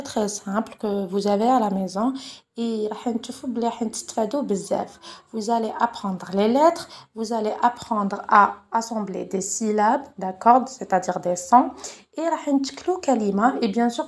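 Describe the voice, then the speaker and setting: A woman's voice: medium pitch, a little mellow. Patient Algerian woman teaching young pupils. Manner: patient, checks understanding with repeated "d'accord?"; slows and stretches words when spelling them out. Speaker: primary school French teacher. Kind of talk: home lesson for children, mixing French and Algerian Arabic.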